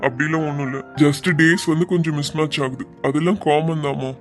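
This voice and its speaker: A performer voicing a kind older male doctor and uncle in an animated series, who talks in a soothing, reassuring way. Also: medium pitch, fairly quick, faint music behind, lightly acted.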